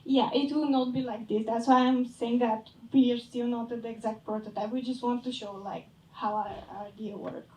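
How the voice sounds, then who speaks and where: A young woman from Bulgaria presents her startup idea with a slightly high voice, often pausing to find her words. She sounds distant from the microphone. A big hall lends her voice a strong echo. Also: fairly even intonation, a little mellow, a little hiss or hum. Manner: hesitant, searching for words, fades at phrase ends. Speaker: startup founder pitching. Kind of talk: pitch and Q&A answers. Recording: echoey hall from far off.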